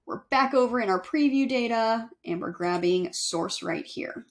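Young woman walking thru a software tutorial, kinda high voice, chatty, lots of ums. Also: moderate pace. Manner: casual, chatty, self-correcting with fillers. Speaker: email marketing instructor. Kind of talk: screen-share software tutorial. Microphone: webcam overlay on screen recording.

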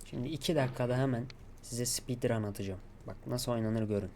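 A man giving gameplay commentary, talking to himself and coaxing himself to stay calm. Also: mid-range voice, brisk, noisy background. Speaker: gaming YouTuber.

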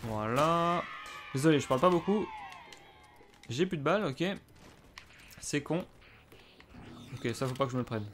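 A man's voice: on the high side, animated, moderate pace, pauses often, a bit bright, a little hiss or hum. A man commenting live on his own gameplay in a casual, hesitant way, swearing and breaking into sudden exclamations. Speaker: gamer playing and commenting.

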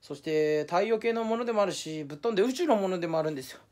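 A man's voice: sits high, animated, very fast, a little mellow. A young man talking casually to camera in a solo vlog, rambling and self-mocking, slipping into mock Kansai dialect for fun. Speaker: YouTuber.

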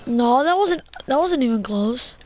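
Excitable high-voiced young woman gaming. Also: measured pace. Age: 20s. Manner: excitable, rambling, heavy on "like" fillers. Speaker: gamer streaming. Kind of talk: casual gameplay chatter.

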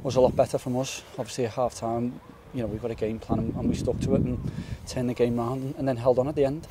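A young man in his twenties, a footballer giving a post-match interview outdoors on a floodlit pitch at night, earnest and repeating words as he thinks. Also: level tone, quick pace, noisy background. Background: faint outdoor stadium ambience.

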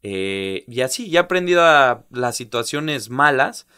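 Middle-aged man, bright tone, halting reflective guest. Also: medium pitch, animated, smooth. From Mexico. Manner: halting, many restarts and "¿sabes?" tags. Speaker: interview guest, former pro footballer and youth coach. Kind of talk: reflective conversational interview.

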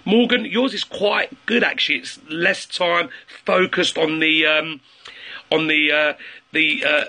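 A man chats through a phone livestream, greeting viewers and driving home his sales tips with repeated phrases. His voice is bright and husky, and it rises and falls a lot as he talks. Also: on the high side. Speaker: network marketing livestreamer.

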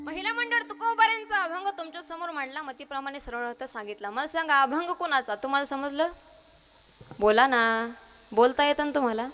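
Soft music plays behind a Maharashtrian woman kirtankar as she preaches a devotional sermon to a group of women in India. Her high voice is brisk, pushed and bright. She quizzes her listeners in call-and-response fashion and sings verses.

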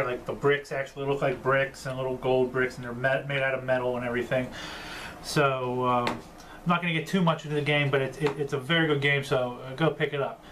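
A man in his thirties talks from a little way off the mic in a home room with faint noise behind him. He is a chef hosting a casual how-to vlog. His voice sits a bit high for a man, and his delivery is plainspoken and halting. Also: fairly bright tone. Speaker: chef hosting a cooking and board game show. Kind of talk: casual instructional vlog talk. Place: indoors at home, table and kitchen. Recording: distant mic with background noise.

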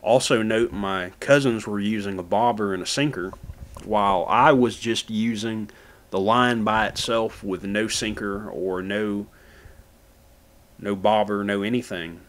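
A man's voice: lowish voice, fairly even intonation, unhurried, a bit bright. A man from Florida narrating his own fishing footage in a plain, folksy how-to manner. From Florida, USA. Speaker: fishing channel host.

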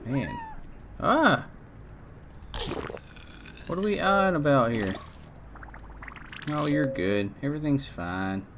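A man giving casual let's-play commentary, chatting to his game characters and breaking into excited outbursts. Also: medium pitch, a little slow, pauses often, noisy background. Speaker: gameplay streamer. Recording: faint game music behind.

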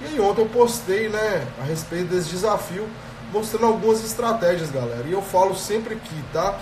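Here a high-pitched man at a moderate pace livestreams as a productivity coach, his Brazilian Portuguese accent clear despite a cold. In his thirties, he's energetic, addressing viewers head-on with frequent "tá?" check-ins. His phone's earphone headset mic picks him up from a distance in a small indoor room, giving a roomy sound with background noise.

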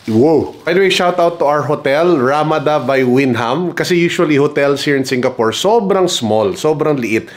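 A playful Filipino-accented man in his thirties vlogs his travels, casually mixing Tagalog and English as he moves through hotel rooms, malls, streets, and restaurants. He holds a camera or phone at arm's length and speaks at a moderate pace with few pauses, his voice on the high side.

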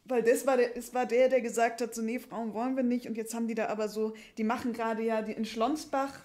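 In an improvised audio drama on a small, dark, curtained stage, a woman plays a casual female lumberjack hesitant about a job offer, speaking into a stand microphone. Her natural, fairly high, level voice has a darkish tone, and she talks in halting, colloquial fragments that trail off with a hesitant, casual mood.

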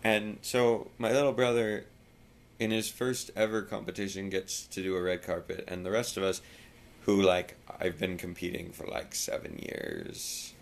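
Tired man, very deep gravelly voice, rambling casual vlog chat, faint background hiss. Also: little pitch movement, moderate pace. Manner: rambling, drops voice very low at times. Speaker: vlogger.

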